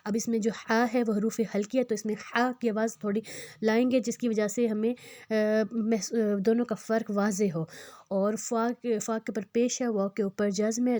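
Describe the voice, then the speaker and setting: A woman teaches Quran recitation, explaining rules quickly and stretching the recited words slowly and louder. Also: on the high side, dry recording, studio quality.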